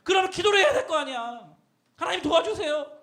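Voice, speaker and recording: A young adult man preaching a youth sermon to middle schoolers, animated, acting out students' voices and asking the same question over and over. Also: very high-pitched, fast. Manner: animated, acts out students' voices and repeats call-and-response questions. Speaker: youth pastor.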